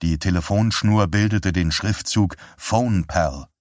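A male audiobook narrator reads with a very deep voice in a steady, even manner. The recording is dry and close, with no room sound. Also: takes it slowly, dry recording. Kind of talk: scripted narration.

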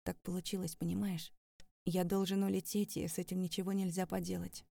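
A woman voicing a calm young man who speaks softly and evenly to his lover, in an audiobook. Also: medium pitch, normal speed, no room sound, lightly acted. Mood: gentle. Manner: soft, even, quiet. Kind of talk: audiobook character voice.

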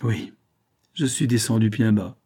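A man's voice: fairly low pitch, unhurried, mellow. A man voicing a sick, self-pitying middle-aged glassmaker who moans and pleads in a plaintive, feverish voice. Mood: pleading. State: feverish and in pain.

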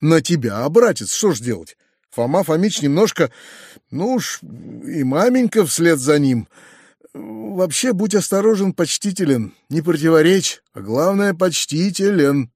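A man voicing a kind, excitable middle-aged uncle who gushes, hurries and stammers. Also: a little high, measured pace, dry recording, studio quality, full character voice. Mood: fretful.

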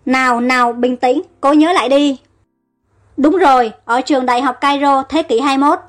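A woman voicing an anxious, quick-witted young woman, speaking in worried, urgent bursts. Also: high-pitched, faint music behind, close to an everyday voice. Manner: worried, urgent inner monologue. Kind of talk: storybook character voice.

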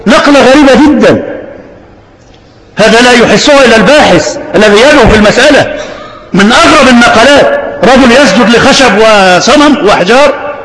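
A man's voice: extremely high pitch, animated, a little fast, fairly bright tone. A man with an Egyptian accent preaching a religious sermon with passion, repeating himself and asking rhetorical questions. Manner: impassioned, repetitive rhetorical questions. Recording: long hall reverb.

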